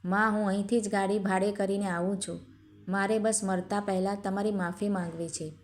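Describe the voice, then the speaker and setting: A woman's voice: mid-range voice, steady tone, moderate pace, soft background music, close to an everyday voice. A woman voicing a feverish, remorseful young husband begging for help. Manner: pleading, weak.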